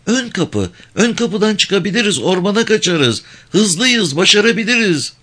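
A man's voice: very animated, moderate pace, a bit bright, full character voice. A man voicing a frightened six-year-old girl who pleads and begs in a storybook reading. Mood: urgent. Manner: high-pitched, pleading.

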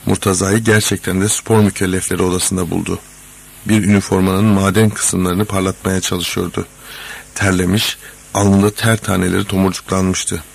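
A man reading a story aloud in measured, dramatic scripted narration. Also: sits low, level tone, vocal fry, slightly rough. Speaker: audiobook reader.

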